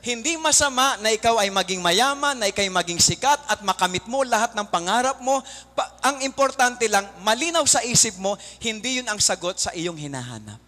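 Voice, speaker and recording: A man with a Filipino accent giving a motivational seminar talk, often quizzing the audience with rhetorical questions and telling lively stories. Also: high voice, brisk. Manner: lively storyteller. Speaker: seminar speaker. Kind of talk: motivational seminar talk mixing Tagalog and English. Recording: reverberant hall sound.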